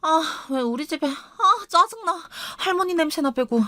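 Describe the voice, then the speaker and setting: A woman voicing a selfish, tipsy young wife who talks in a high, whiny, petulant way. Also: expressive, moderate pace, pushed and bright, dry recording, full character voice. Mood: whiny irritation.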